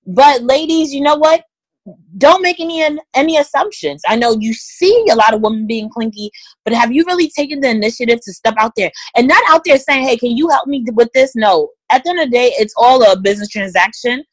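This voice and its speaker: A woman's voice: on the high side, brisk, dry recording, poor audio. A woman giving direct, emphatic career advice in a conversational interview, speaking straight to listeners. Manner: direct, emphatic, addresses listeners as guys and ladies.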